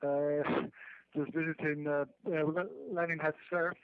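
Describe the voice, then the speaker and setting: A man's voice: on the high side, flat delivery, moderate pace, clear, resonant tone, no room sound. A man with a Scottish accent, a guest on a phone interview, laid-back and hesitant with lots of ums. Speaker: guest musician. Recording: bad long-distance phone line.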